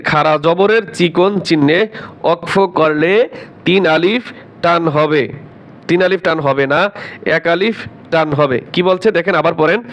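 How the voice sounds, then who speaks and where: Man, Quran recitation teacher, letter-by-letter drilling, slow chanting, slightly high voice. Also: a bit bright. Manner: drills letter by letter, asks learners questions, slow drawn-out chanting. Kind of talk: spelling out and chanting Quranic words.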